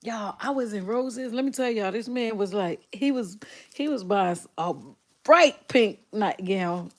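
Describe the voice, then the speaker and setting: A woman's voice: on the high side, moderate pace, darkish tone. Laughing woman livestreaming. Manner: laughs often, teasing, addresses viewers directly. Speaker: livestream host. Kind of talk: casual livestream chat with viewers.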